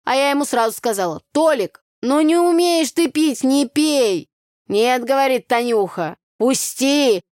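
Woman playing a loud proverb-spouting village girl. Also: high-pitched, animated, unhurried, no echo, clean studio sound, pitched above the performer's own voice. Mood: boisterous. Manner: brash, loud, chattering in proverbs. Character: lively village girl full of folk sayings.

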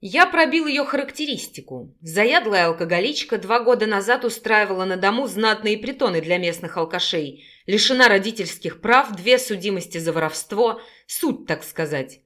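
A businesslike male operative on the phone, brisk and matter-of-fact, voiced by a woman narrator. He reels off facts in a steady report. The reader's voice sits at a middle pitch for a woman. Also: natural voice. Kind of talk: audiobook character voice.

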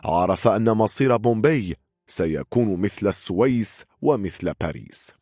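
A man narrating an audiobook in a steady, measured reading voice. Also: fairly low pitch, dry recording, clean studio sound.

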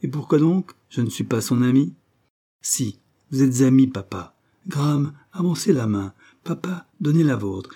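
A man's voice: mid-range voice, expressive, a little slow, dark tone, slightly rough, voice pushed up. A man reading an audiobook, voicing a young woman who earnestly pleads with her father. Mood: coaxing. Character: young woman, devoted loving daughter.

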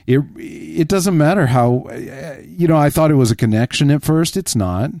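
A man's voice: a little high, expressive, normal speed, gravelly, darkish tone, no echo, clean studio sound. A man co-hosting a tech podcast, chatting in an informal, opinionated way. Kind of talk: casual chat.

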